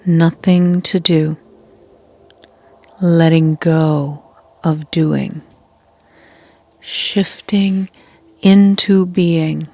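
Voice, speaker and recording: In this guided meditation, a woman acting as a yoga nidra guide keeps her voice lowish and her delivery flat. The tone is calm and quiet, softly breathy and close to a whisper, with long pauses throughout.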